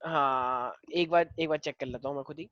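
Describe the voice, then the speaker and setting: A man's voice: on the high side, a little fast, no echo, lo-fi sound. Hindi-teacher man quizzing his class. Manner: mixes Hindi and English, drills students with questions. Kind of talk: online class problem-solving.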